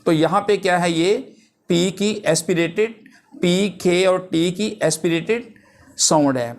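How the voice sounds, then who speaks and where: A man teaching a linguistics lesson, drawing out English terms and example words slowly and deliberately. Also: sits high. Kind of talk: lecture.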